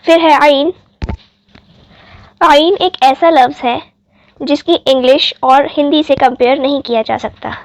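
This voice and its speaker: Woman teacher going thru the alphabet letter by letter, high voice, super slow, dry close sound. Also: fairly even intonation, dry recording. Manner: spells out letters one by one, patient and deliberate. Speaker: Urdu teacher.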